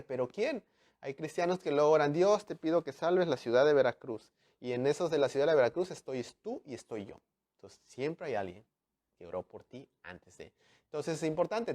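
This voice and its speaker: A man, preaching a sermon in an animated way, acting out dialogue and swinging from loud to hushed. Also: a little high. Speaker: pastor.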